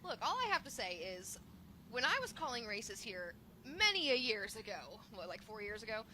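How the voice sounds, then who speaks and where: A woman with a high, very lively voice banters in a trackside commentary booth. Her tone is bright and sharp, and her talk is playful and full of laughs. Faint race ambience hums behind her. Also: normal speed, a little hiss or hum. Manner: playful, chatty, laughs often. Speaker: guest commentator. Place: announcer booth at a racetrack.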